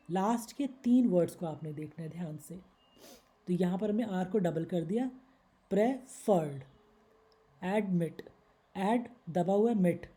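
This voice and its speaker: A woman's voice: medium pitch, mellow. A woman teaching English grammar in Hindi, patiently explaining rules step by step and reading out word examples. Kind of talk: slide-based Hindi grammar lesson.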